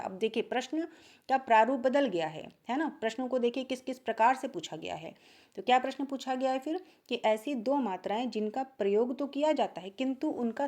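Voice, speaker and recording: Woman teacher going through exam questions, kinda high voice, asks then answers herself, keeps checking "ok?". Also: mellow. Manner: repeats key points, checks in with "ठीक है?". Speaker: Hindi grammar teacher. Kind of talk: exam-prep lesson.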